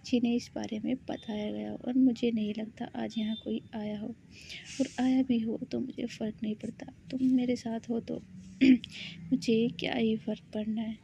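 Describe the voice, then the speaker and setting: A woman's voice: fairly high pitch, level tone, moderate pace, gravelly, dark tone, slight background noise. A woman doing a teasing, doting young woman. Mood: tender. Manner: teasing, sweet and reassuring.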